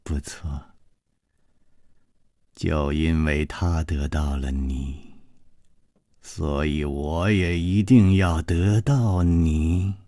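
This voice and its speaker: A man voicing a jealous, murderous young woman in a low breathy whisper, slow and menacing. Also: fairly even intonation, dark tone, no echo, studio quality, full character voice.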